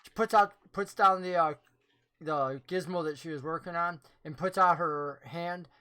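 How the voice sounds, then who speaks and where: Bright-voiced woman game master. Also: lowish voice, normal speed. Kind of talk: narrating a tabletop fantasy game.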